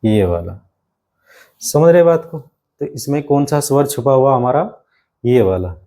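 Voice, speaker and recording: A man's voice: mid-range voice, lively intonation, a little slow, mellow. A man teaching a grammar lesson for exam students, explaining step by step with many rhetorical questions and often addressing the students as his friends.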